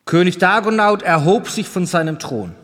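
A man narrating a children's storybook in a calm, even storytelling manner. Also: high voice, moderate pace. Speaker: audiobook narrator. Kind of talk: scripted narration. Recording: long reverb.

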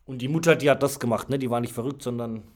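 A man's voice: mid-range voice, fast, a little mellow. A man reading a story aloud, breaking off for casual, rambling explanations with fillers. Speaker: audiobook reader.

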